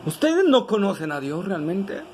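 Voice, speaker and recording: A man's voice: high voice, very animated, normal speed, a little mellow, a little hiss or hum, rough recording. A man preaching a sermon as pastor. He asks the congregation rhetorical questions, tagging many lines with "¿verdad?".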